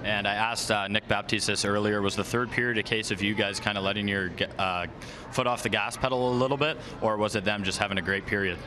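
Low-voiced reporter asking questions. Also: male voice, fairly even intonation, fast, background noise. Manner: plain questioning with a few fillers. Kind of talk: press question.

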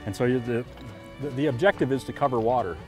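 A man's voice: medium pitch, fast, faint music behind. A middle-aged man, a fishing guide, explaining tactics plainly out on a boat. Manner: plain, matter-of-fact explanations, clears throat. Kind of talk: casual conversation on a boat. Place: on a fishing boat on a lake, outdoors.

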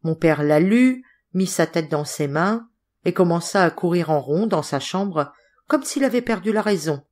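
A woman narrating a literary audiobook in a steady, expressive reading style. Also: fairly low pitch, normal speed.

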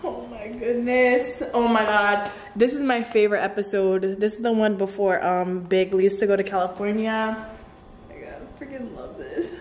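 A young woman chatting excitedly to the camera in her apartment for a casual vlog. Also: medium pitch, normal speed, few pauses, slight background noise. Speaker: vlogger. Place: apartment at home. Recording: echoey room.

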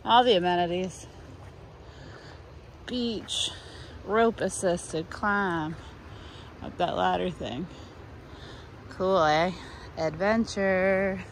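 Her voice is lowish, and she speaks extremely slowly with long pauses. The woman, a hiker vlogger, chats playfully and exclaims excitedly as she crosses a rocky beach at night, captured by a noisy body-worn camera.

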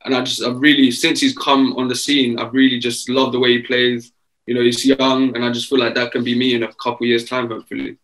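An eighteen-year-old man from England answering interview questions in a relaxed way over a video call, with plenty of fillers. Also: mid-range voice, brisk, rough recording. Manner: relaxed, easygoing, many fillers. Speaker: footballer guest. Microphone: video call webcam.

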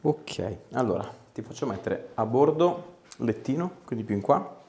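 In a small treatment room, a male chiropractor calmly instructs his patient with short commands and questions as he works. His voice is mid-range and darkish, with lively intonation and a measured pace.

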